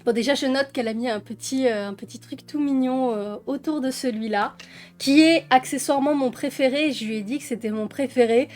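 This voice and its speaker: A woman's voice: sits high, fairly quick, darkish tone, soft background music. A French woman casually presenting coloring books in a chatty vlog, with many fillers and fond little words. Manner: chatty, with frequent fillers and diminutives. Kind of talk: casual flip-through vlog.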